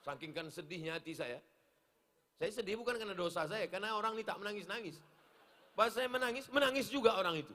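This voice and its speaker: A middle-aged man preaches at an outdoor rally. His voice sits high and rings bright and sharp. He jokes with the crowd and swings from loud sung chant to hushed asides. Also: quick pace. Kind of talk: open-air sermon with jokes and acted dialogue. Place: outdoor football field gathering.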